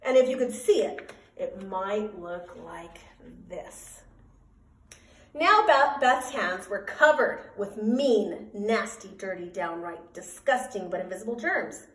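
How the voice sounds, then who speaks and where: A woman reading a children's storybook aloud as a teacher, in an expressive, emphatic, sing-song way. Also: mid-range voice, unhurried. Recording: roomy echo, voice from a distance.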